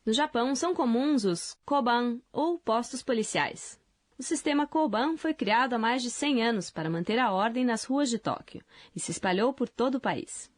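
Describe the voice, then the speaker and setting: A woman co-hosting a language lesson, reading in a friendly, clear scripted way. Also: a little high, normal speed. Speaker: lesson co-host.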